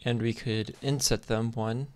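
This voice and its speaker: A man with a mid-range voice speaks unhurriedly and with little pitch movement. He's a gaming YouTuber giving relaxed, hesitant commentary as he thinks aloud, recorded on a noisy mic full of clicks and typing.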